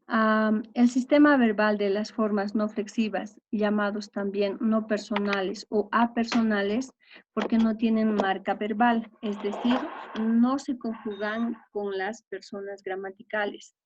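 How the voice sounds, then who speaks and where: A woman's voice: mid-range voice, measured pace, highs cut off, background noise. Woman teacher reciting verb conjugations. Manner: steady, methodical recitation of verb forms. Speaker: language teacher. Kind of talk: recorded grammar lesson.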